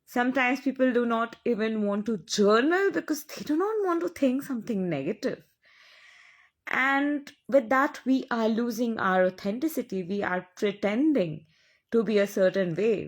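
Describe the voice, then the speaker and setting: A woman with an Indian English accent, giving an earnest spiritual monologue in an impassioned, preachy way with lots of repeated phrasing. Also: a little high. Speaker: spiritual channel speaker.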